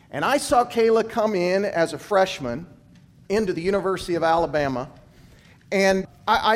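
Guy with a kinda high voice, ex gymnastics coach preaching to students, emphatic, swoops up and down, goes low and quiet on the big lines. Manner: emphatic storytelling, big swings in pitch and loudness; drops low and quiet to land key points. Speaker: former gymnastics coach, speaker.

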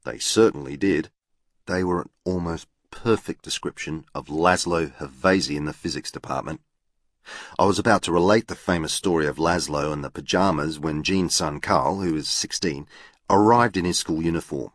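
Male audiobook narrator, very low voice, formal and deadpan first-person reading. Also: normal speed, dry recording, clean studio sound.

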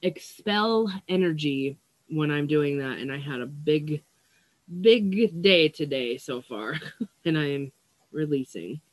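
A woman's voice: sits low, expressive, slow, dry recording. A woman healer giving a casual oracle card reading to her viewers, blunt and profane, yawning and sighing, stumbling over words as she reads the card text. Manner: blunt and profane, with frequent yawns and sighs.

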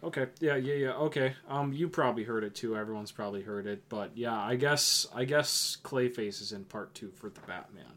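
A young man co-hosting a casual podcast chat, rambling with lots of "um" and "yeah" and making deadpan jokes. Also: medium pitch, fairly quick, hardly any pauses, slight background noise. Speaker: podcast co-host.

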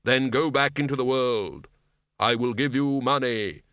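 A man voicing Death, an ancient, solemn and literal male reaper, speaking slowly and gravely in an audiobook reading. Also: medium pitch, fairly bright tone, no room sound, natural voice. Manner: slow, measured, grave delivery.

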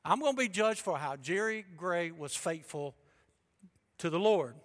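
A male pastor preaching a sermon, emphatic and shifting between loud and hushed delivery. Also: high-pitched, lively intonation, a little slow.

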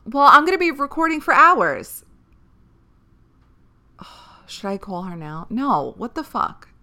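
A woman's voice: on the high side, big pitch swings, a little slow, sharp tone. A woman hosting a podcast solo, chatting casually in a rambling, candid way with the odd swear word. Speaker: podcast host.

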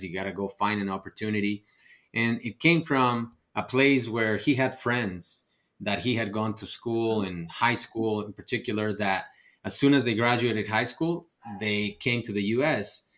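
This middle-aged Ecuadorian man, a real estate investor whose first language is Spanish, appears as a podcast guest and shares his personal story. His voice is lowish with a fairly bright tone.

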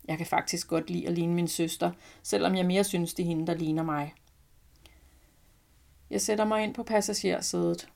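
A middle-aged Danish woman who hosts a podcast reads her own personal short story aloud in the first person, sounding calm and reflective. Her voice is lowish with vocal fry.

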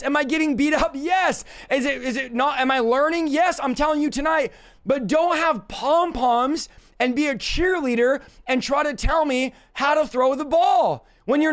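A man with a hoarse, raspy voice worn out from yelling, preaching in an emphatic, combative and informal way on a livestream. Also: very high-pitched. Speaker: preacher and deliverance minister. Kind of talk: livestreamed sermon, informal teaching.

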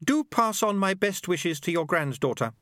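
A man voicing Unity, a haughty woman who speaks in an imperious, high, strained voice. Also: lively intonation, normal speed, a bit bright, no room sound, studio quality.

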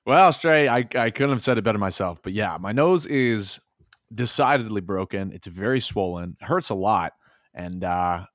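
Man, casual podcast chat, lively swooping pitch, mock-dramatic storytelling, joking, close dry sound. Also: normal speed, no echo. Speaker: podcast co-host.

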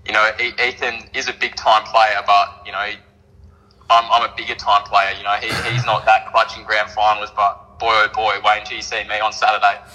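Flat, very bright Australian man. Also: fairly low pitch, normal speed, long reverb tail, rough recording. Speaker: team captain being interviewed. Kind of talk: casual interview chat.

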